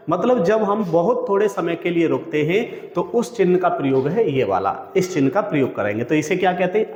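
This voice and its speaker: A male teacher giving an exam coaching lesson. He keeps asking a question and then answering it himself, and calls his listeners friends and brother. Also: sits high. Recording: echoey room with long reverb.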